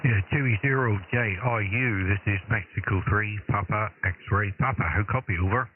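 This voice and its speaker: A man working as a radio operator over a crackly two-way radio, courteous and relaxed, giving call signs. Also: lowish voice, moderate pace. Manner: relaxed and courteous, saying sir often. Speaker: amateur radio operator on a live stream. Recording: crackly narrow-band radio with static noise.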